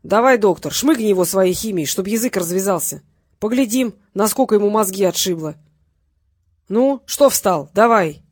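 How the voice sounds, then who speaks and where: A reader voicing a crude, threatening male thug who talks in rough slang, a little louder and higher than the narration. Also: brisk, no room sound, studio quality, natural voice. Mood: menacing. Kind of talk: audiobook character voice.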